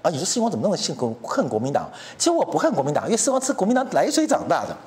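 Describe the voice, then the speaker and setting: A middle-aged man rants through political commentary in a mocking, heated tone. His voice sits a little high for a man and swings widely in pitch as he jabs at his targets. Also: huge pitch swings, very fast, darkish tone. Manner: mocking, heated, keeps asking "you know?".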